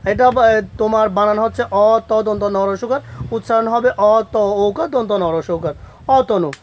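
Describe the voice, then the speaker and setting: Man teaching a slow spelling lesson. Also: sits high. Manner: slow, repetitive, asks and answers own questions; spells out letters one by one. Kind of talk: spoken grammar lesson.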